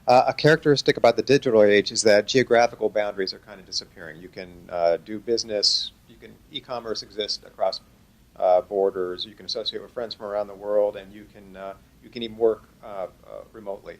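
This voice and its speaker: A man moderating a question session, speaking haltingly and restarting his phrases as he puts a question together. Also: fairly low pitch, steady tone, low-quality recording. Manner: halting, repeats phrase openings. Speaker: moderator relaying audience questions. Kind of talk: unscripted question-asking at a talk.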